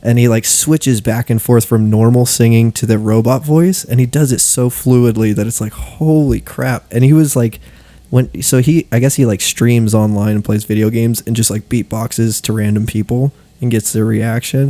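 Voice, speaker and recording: Here a young podcast co-host laughs his way through a casual chat, acting out quotes and throwing in "dude" constantly. He speaks at normal speed in a mellow, mid-range voice with fairly even intonation, and there's no room sound.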